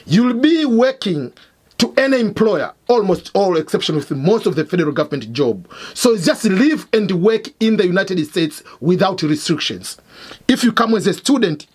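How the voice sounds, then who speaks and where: A middle-aged man from Tanzania, host of an explainer channel, teaching emphatically and repeating key points. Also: sits high. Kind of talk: explainer lesson. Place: Missouri, United States.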